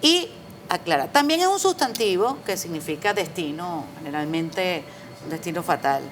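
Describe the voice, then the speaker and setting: A woman's voice: lowish voice, animated, normal speed. A middle-aged woman, a Spanish teacher, patiently explaining spelling rules with examples in an interview. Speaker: Spanish teacher and proofreader, guest. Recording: faint background noise.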